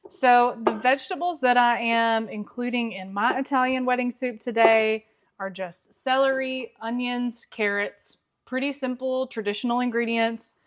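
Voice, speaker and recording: Woman walking you through a recipe in her kitchen, kinda high voice, easygoing step by step chat. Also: fairly even intonation, normal speed. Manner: friendly, explanatory, step-by-step. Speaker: cooking channel host. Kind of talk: casual cooking demonstration. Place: home kitchen.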